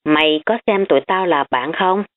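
A woman's voice: deep voice, normal speed, natural voice. A woman doing a blunt teasing schoolgirl. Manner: frank and teasing. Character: blunt, teasing, hungry female student. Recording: tinny phone-like audio.

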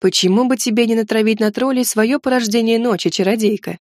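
A woman reading an audiobook, voicing a sardonic, weakened male necromancer who speaks in a low, mocking way. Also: fast talker, darkish tone, dry recording, clean studio sound, lightly acted. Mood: sneering.

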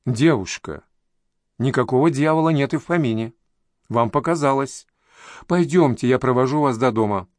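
A man doing a calm, kindly doctor. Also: mid-range voice, normal speed, dry recording, clean studio sound, lightly acted. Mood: reassuring. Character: calm, kindly middle-aged male doctor.

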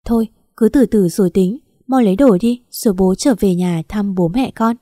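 Gentle kind father-in-law, woman reading. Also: medium pitch, moderate pace, no room sound, studio quality, close to an everyday voice. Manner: gentle, reassuring.

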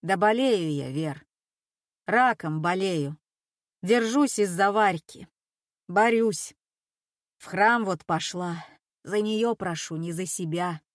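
A woman voicing a gruff, grieving old grandmother. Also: on the low side, animated, slow pace, pauses often, no echo, studio quality. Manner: gruff, reproachful, plain-spoken. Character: stern, grieving elderly grandmother, blunt and bitter. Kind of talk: audiobook character voice.

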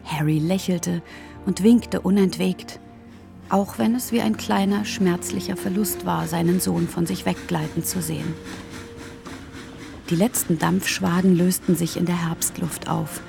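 Calm woman reading with a gravelly low voice. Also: music in the background. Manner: calm, measured storytelling. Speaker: narrator reading a novel. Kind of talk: literary reading.

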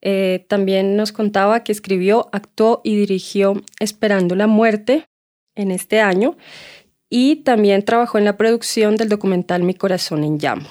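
A woman hosting a podcast with a middle-pitched, plain voice. She reads out a scripted introduction at a measured, steady pace. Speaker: podcast host.

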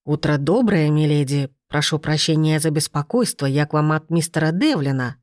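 A woman voicing a courteous, bearded male messenger with a booming manner. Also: normal speed, darkish tone, no echo, clean studio sound, natural voice. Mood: polite.

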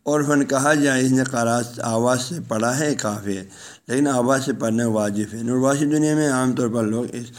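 Man explaining a text line by line. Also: medium pitch. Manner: speaks directly to listeners, telling them to pass the ruling on at home. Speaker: religious lecturer teaching a law book. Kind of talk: religious lesson, reading and explaining a text.

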